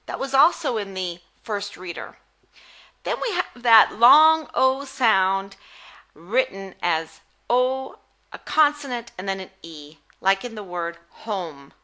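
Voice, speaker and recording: A woman giving a phonics lesson as a reading teacher, deliberately enunciating words in an instructional way. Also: mid-range voice, very animated, sharp tone. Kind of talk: phonics lesson, word-by-word articulation drill.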